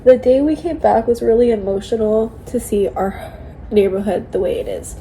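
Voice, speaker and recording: A tearful woman talking casually and haltingly in an emotional, confiding personal vlog. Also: on the high side, warm tone, a little hiss or hum, low-quality recording. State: tearful, crying. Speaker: vlogger sharing a personal update.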